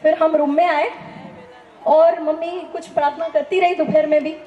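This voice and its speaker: Woman with a high voice giving her church testimony, earnest storyteller, echoey dull recording. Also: flat delivery, moderate pace, mellow, a little hiss or hum. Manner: earnest storytelling with rhetorical questions. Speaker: testimony speaker. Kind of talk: personal testimony in a church talk.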